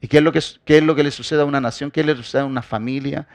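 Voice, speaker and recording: A man preaching a sermon as pastor. He addresses the congregation directly and swings between loud, forceful emphasis and quiet asides. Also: on the high side, fairly even intonation, rapid-fire, no room sound.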